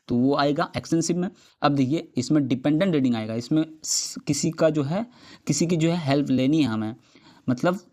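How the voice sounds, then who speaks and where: A man's voice: mid-range voice, a little mellow. Man teaching exam prep, repeating key points. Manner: explains in Hindi mixed with English terms, repeats points with frequent "ठीक है" checks; reads English slide phrases slowly.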